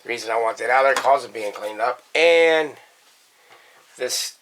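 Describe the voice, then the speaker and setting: A vintage radio restorer hosts a hands-on vlog from his workshop, talking plainly and colloquially. His mid-range voice has a fairly bright tone at a normal pace. Faint background noise is present.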